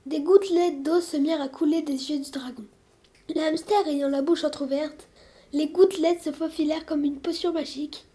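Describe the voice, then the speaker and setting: A woman reads a children's fairy tale aloud with lively, expressive storytelling. Her voice is high yet warm and mellow. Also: moderate pace. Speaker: narrator. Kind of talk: storybook reading.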